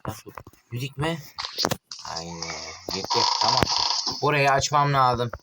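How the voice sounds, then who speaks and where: An excitable man talks his way through a horror game, his voice jumping up whenever something startles him. He grumbles and swears at the screen between scares. The phone recording sits under a loud wash of noise and clicks. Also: medium pitch, measured pace. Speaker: gaming channel host. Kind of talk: casual horror game let's play. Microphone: phone mic.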